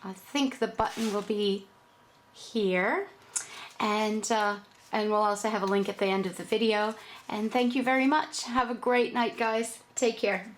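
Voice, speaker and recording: A woman's voice: mid-range voice, steady tone, measured pace. A woman hosting a paper-folding tutorial, talking casually with fillers and restarts. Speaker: origami tutorial host.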